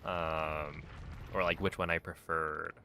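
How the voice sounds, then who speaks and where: Slow, deep-voiced man chatting on stream. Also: flat delivery, gravelly, sharp tone, a little hiss or hum. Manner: rambling, easygoing, reacting to chat messages. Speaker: speedrunner streaming a game. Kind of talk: casual live-stream chat.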